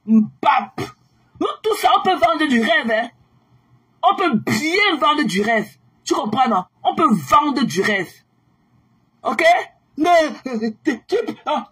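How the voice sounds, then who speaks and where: A woman ranting angrily on her own livestream, taunting viewers with repeated mocking questions and bursts of shouting. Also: sits high. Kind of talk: angry livestream rant at viewers.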